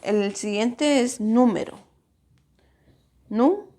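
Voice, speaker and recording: A woman's voice: medium pitch, slow, creaky, darkish tone. A woman teacher explaining a grammar lesson to her pupils, patiently stretching out syllables to show where the stress falls. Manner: addresses pupils directly.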